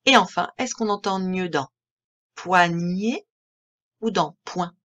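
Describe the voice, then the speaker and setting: A woman with a French accent, teaching a reading lesson to young children in a slow, clear, patient way that spells out each word. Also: lowish voice, fairly bright tone, muffled recording. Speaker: primary school teacher.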